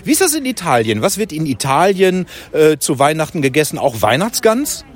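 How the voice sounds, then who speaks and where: A man's voice: on the high side, very animated, brisk. A man hosting a podcast, interviewing a guest at an outdoor Christmas market stall with friendly questions. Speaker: podcast host. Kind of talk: casual interview.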